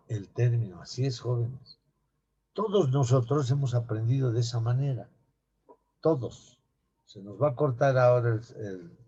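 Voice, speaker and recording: Lecturing man, mellow, muffled lo-fi sound. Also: mid-range voice, husky. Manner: rhetorical questions, addresses students as "jóvenes". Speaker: anatomy lecturer. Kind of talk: classroom lecture. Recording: dull lo-fi classroom recording.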